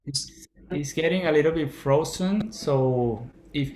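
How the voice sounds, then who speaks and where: A man's voice: a little high, unhurried. A man hosting a video call session who speaks politely and hesitantly. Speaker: session host. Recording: roomy video call with crowd noise.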